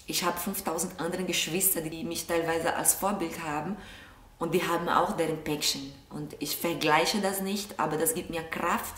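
Seated on a sofa in her living room, a vlog host chats casually to camera in response to viewer questions; she's a young woman from Brazil speaking with a Brazilian Portuguese accent, reflective and very expressive with her hands. Her low voice has a steady tone, a fairly bright quality and a moderate pace. Because the camera is a short distance away, the recording sounds roomy and far from the mic.

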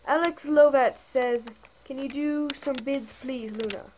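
A high-pitched young woman sits at home, chatting through her viewer comments one by one. She keeps it loose and giggly. A faint background hiss stays under her voice on the camera mic. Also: fairly even intonation, measured pace, darkish tone, rough recording. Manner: chatty, giggly, reads comments aloud and answers them. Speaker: channel host. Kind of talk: casual comment-reading vlog.

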